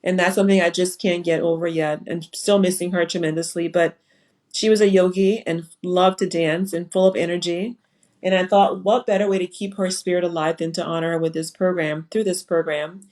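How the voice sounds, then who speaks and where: Woman, lowish voice, reflective panel guest on a video call. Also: flat delivery, fairly quick, darkish tone. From Liberia. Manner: earnest and reflective, with frequent fillers. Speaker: foundation founder and panel guest. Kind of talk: casual panel talk on a live webinar.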